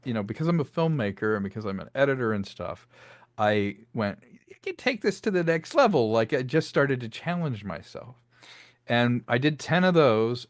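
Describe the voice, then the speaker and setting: In a dry recording, a medium-pitched male voice belongs to a filmmaker and audio drama creator appearing as an interview guest. He chats casually about his creative work, drifting into rambling asides as he tells his stories.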